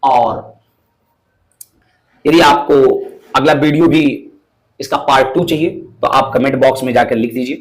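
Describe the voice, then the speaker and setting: हिंदी लहजे वाला अंग्रेज़ी शिक्षक, धीमी व्याख्या. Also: male voice, mid-range voice, fairly bright tone, poor audio. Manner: slow, repetitive, addresses viewers as brother and friend. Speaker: English teacher. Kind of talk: spoken English lesson.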